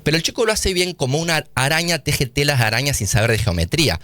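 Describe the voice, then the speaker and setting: A man's voice: on the high side, sing-song, fast, a bit bright, no echo. A man with an Argentine accent, a guest scientist in a radio studio interview, explaining eagerly and using casual slang. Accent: Argentine Spanish.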